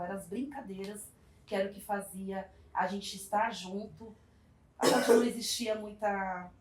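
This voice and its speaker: A woman, telling her life story in an interview with reflective pauses and small hesitations. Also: medium pitch. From São Paulo, Brazil. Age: 40s. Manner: reflective, warm storytelling with frequent hesitations and tag questions. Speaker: interviewee, community project worker. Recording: echoey room, distant mic, faint background noise.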